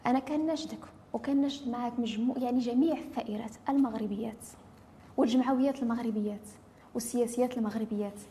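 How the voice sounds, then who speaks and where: Speaking fast and with a Moroccan Arabic accent, this woman argues insistently in a heated discussion of family law, stacking one rhetorical question on another. Her fairly high voice is warm, with fairly even intonation and emphatic force. There is slight background noise.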